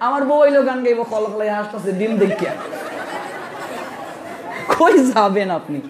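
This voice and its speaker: A high-pitched man with a Sylheti accent preaches to a crowd, teasing and scolding by turns and laughing through his stories. His voice rings around a big echoing hall, with a faint murmur of listeners behind him. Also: moderate pace, noisy background. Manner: animated, laughing, scolding, exclaiming. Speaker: religious preacher. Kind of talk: sermon with humorous anecdotes.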